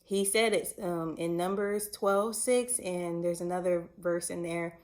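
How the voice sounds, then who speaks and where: A woman's voice: lowish voice, steady tone, measured pace. A woman teaching scripture in a casual online sermon, emphatic and conversational, putting questions to her listeners. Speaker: bible teacher.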